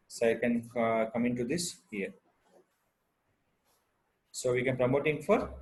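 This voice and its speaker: A man with an Indian Telugu accent presents an unscripted step-by-step software tutorial in halting, repetitive instructional phrases. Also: mid-range voice.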